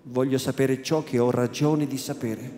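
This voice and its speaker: Insistent young peasant groom, voiced by a male reader. Low, firm, cathedral echo around him. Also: fairly even intonation, moderate pace, mellow, natural voice. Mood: demanding. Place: large cathedral. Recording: echoey cathedral, faint ambience.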